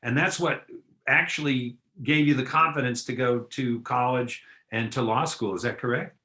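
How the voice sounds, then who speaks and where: A man's voice: mid-range voice, steady tone, moderate pace, sharp tone. A man co-hosting a radio talk show, chatty and joking, teasing his friends, a comic who sounds tired. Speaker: co-host, comedian. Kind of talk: casual radio chat.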